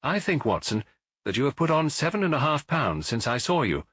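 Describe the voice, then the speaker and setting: A man playing Sherlock Holmes, crisp, coolly amused detective. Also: medium pitch, very animated, fairly quick, a bit bright, no room sound, clean studio sound, voice pushed up. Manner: crisp, clipped, self-assured deduction. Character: brilliant aloof male detective, coolly amused and precise.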